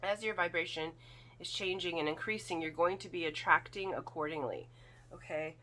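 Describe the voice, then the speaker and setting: A woman giving a spiritual card reading in casual, halting talk, her throat slightly foggy and congested from irritation. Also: lowish voice, pushed and bright, rough recording. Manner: halting, thoughtful, often checks with "okay?". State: throat irritated by volcanic fog, occasional coughing and throat clearing. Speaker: tarot and oracle card reader.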